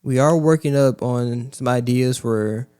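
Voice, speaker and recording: A man's voice: mid-range voice, unhurried, warm tone, clean tone. A man co-hosting a podcast in casual chat, who says w for r and stumbles on r sounds. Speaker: podcast co-host.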